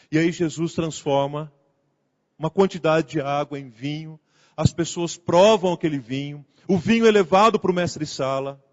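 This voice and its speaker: A male pastor giving a conversational sermon, acting out the quoted dialogue as he goes. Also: fairly high pitch. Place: church sanctuary. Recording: muffled sound with long hall reverb.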